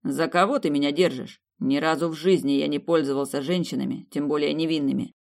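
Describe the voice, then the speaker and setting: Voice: mid-range voice, creaky, lightly acted. A reader doing a smug, teasing young prince. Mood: earnest. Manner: calm, unhurried, mocking. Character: teasing, self-assured young male prince. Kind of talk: audiobook character reading.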